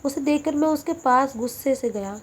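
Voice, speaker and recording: A woman narrating a scripted emotional story in steady, dramatic first person. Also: high voice.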